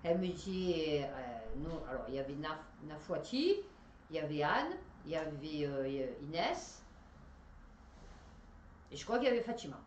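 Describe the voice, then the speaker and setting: A woman's voice: low voice, expressive, normal speed, a little mellow. Woman rambling thru a story, lots of fillers, roomy echo, faint hiss behind. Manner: chatty and rambling, many fillers, laughs while talking. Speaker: vlogger telling a personal story. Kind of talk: casual storytelling.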